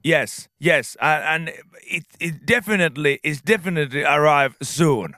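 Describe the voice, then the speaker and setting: A radio host voicing an overly helpful male stranger who shouts bus directions in broken English, loud and drawn out. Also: a little high, expressive, dry recording, clean studio sound, voice pushed up. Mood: eager. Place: radio studio.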